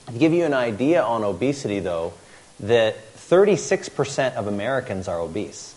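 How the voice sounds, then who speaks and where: A man's voice: medium pitch, sing-song, a little mellow. Man lecturing in short, paced phrases. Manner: pauses after each sentence for translation. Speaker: speaker giving a talk on longevity.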